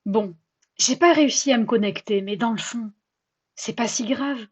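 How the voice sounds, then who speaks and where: A woman hosting a personal podcast, telling her own story in a chatty, self-mocking and expressive way. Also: on the high side, normal speed, slightly rough. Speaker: podcast host.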